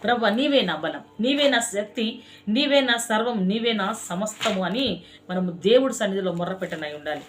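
A woman preacher giving a sermon. She exhorts the listener directly, and her repeated scripture phrases are drawn out slowly and emphatically before falling away soft. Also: mid-range voice, expressive, a little hiss or hum. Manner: slow emphatic chanting of scripture phrases, swelling then dropping soft; repetitive exhorting address to the listener.

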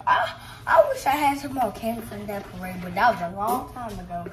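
A woman's voice: mid-range voice, expressive, fairly quick, background noise. A woman chatting and joking playfully in a home kitchen while she helps cook, giggling often. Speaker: helper. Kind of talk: casual chat. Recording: echoey kitchen, heard from a distance.

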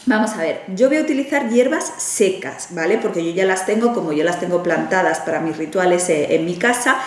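A woman's voice: fairly low pitch, fairly quick. Spanish woman chatting thru a ritual at a table, sounds kinda far from the mic, big echoey room. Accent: Spain Spanish. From Spain. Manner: chatty, frequent "¿vale?" check-ins, animated hand gestures. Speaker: witch teaching rituals. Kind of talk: casual tutorial demonstration. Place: room indoors, standing at a table. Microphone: camera at a distance.

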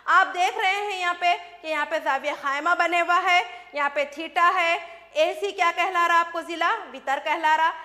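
A woman's voice: very high voice, bright, forceful tone. A woman teaching a math lesson to schoolchildren, patiently repeating terms and asking and answering her own questions. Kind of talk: classroom lesson. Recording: long hall reverb.

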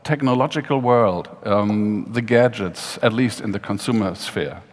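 A middle-aged man moderating a panel in a large atrium, talking haltingly with many fillers and restarts, on a headset mic. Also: fairly low pitch. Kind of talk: hesitant conversational moderating. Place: large glass atrium hall with audience. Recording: long hall reverb.

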